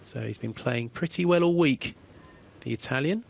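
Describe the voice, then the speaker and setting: Calm, measured male billiards commentator. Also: medium pitch, creaky, slight background noise. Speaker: sports commentator. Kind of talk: play-by-play commentary.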